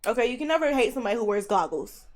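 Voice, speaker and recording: Slangy, animated young woman streamer. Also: fairly high pitch, rapid-fire. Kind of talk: casual live gameplay commentary.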